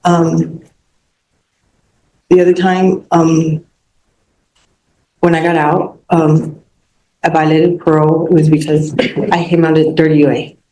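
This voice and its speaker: A woman defendant speaking haltingly and apologetically in court, with many pauses and fillers. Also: low-pitched, little pitch movement, warm tone, slight background noise. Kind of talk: courtroom statement. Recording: distant echoey courtroom mic.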